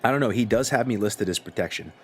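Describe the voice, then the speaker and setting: Low-voiced guy streaming a game, tired and yawny, rambles a lot, some soft music in the back. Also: fast talker. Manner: rambling, filler-heavy, laid-back. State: sleepy, yawning. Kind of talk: casual live-stream chat while playing.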